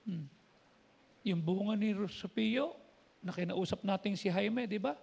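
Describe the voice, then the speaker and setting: A man's voice: high voice, unhurried, gravelly, a little mellow, husky. A man with a Filipino accent preaching a sermon as a pastor, telling stories in a conversational way and switching between languages. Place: church.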